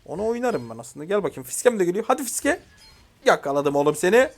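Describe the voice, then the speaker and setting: Excitable young man calling out gameplay. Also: high voice, racing. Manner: excitable, shouting commands at teammates, frustrated venting. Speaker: gaming YouTuber. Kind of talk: live gameplay commentary.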